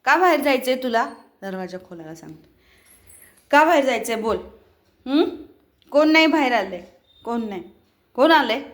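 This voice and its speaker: A woman's voice: high-pitched, lively intonation, normal speed, long pauses. A woman filming a casual pet vlog, coaxing and scolding her dog in affectionate baby-talk. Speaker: vlogger.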